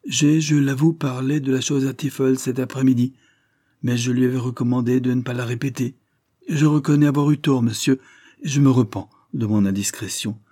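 A man's voice: medium pitch, fairly even intonation, moderate pace, dark tone, pitched above the performer's own voice, close to an everyday voice. A man reading aloud voices a flustered, deferential butler in a Victorian audiobook, talking in an apologetic, eager manner.

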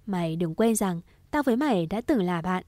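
Một người phụ nữ đọc giọng một gã trai trẻ thủ đoạn, nói giọng khiêu khích, chế giễu và hay chửi thề. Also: female voice, fairly low pitch, lively intonation, fairly quick, mellow, no echo, lightly acted. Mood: taunting. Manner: mocking, swearing, provocative. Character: crude scheming young man, taunting and foul-mouthed.

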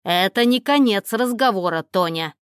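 A woman's voice: medium pitch, animated, normal speed, clean tone, dry recording, close to an everyday voice. A woman reading the part of a jealous ex-husband who talks in a pushy, accusing way, in a dry recording. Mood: threatening. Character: stern jealous ex-husband, grown man.

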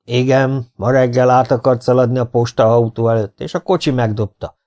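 A man's voice: mid-range voice, fairly even intonation, a little mellow, lightly acted. A man voicing a cordial, unshaven man in his sixties who speaks in a hearty, raised voice. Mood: worried.

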